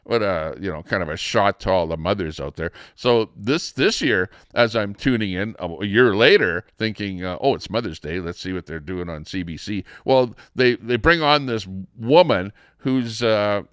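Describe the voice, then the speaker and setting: A man's voice: lowish voice, animated, normal speed, few pauses, fairly bright tone, smooth, no room sound, studio quality. A middle-aged man hosting a livestream, ranting in a rambling, indignant way with lots of fillers and restarts. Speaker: livestream host. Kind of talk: casual ranting commentary.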